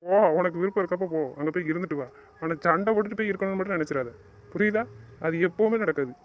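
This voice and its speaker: Bossy, fast-talking young man. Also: sits high. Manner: bossy, scolding and teasing. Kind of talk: romantic audio drama dialogue. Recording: dull lo-fi recording.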